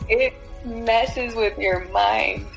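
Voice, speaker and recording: A woman's voice: on the high side, fairly even intonation, extremely slow, gravelly, a bit bright, soft background music, rough recording. A woman in her twenties from Miami, speaking thoughtfully as an interview guest, with frequent fillers and light laughter. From Miami, United States. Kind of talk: casual interview conversation.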